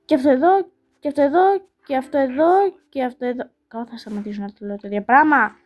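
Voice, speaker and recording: A woman with a slightly high voice hosts her own small channel, thinking aloud as she plays a puzzle game. She talks casually and repeats little words as she weighs each move. Now and then she apologises to her viewers and makes fun of her own playing. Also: darkish tone. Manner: self-mocking and apologetic toward viewers. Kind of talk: casual gameplay commentary.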